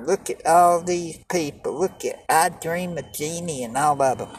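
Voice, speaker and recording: A man's voice: medium pitch, darkish tone. A man preaching like a doomsday street preacher, exhorting in a folksy, plain-spoken way. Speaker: lay street-style preacher. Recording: distant mic with noticeable background noise.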